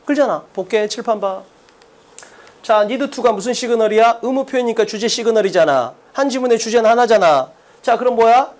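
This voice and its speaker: A man's voice: very high-pitched, a little fast, darkish tone. A man lecturing on exam English at a blackboard, blunt and brash, firing rhetorical questions at students. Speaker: English test-prep lecturer.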